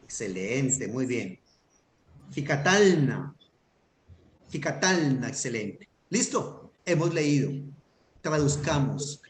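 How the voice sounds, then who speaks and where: A man's voice: medium pitch, expressive, slow. Patient, methodical male teacher. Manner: patient, methodical, checks understanding often. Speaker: Hebrew teacher. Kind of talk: online grammar lesson. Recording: echoey room with faint noise.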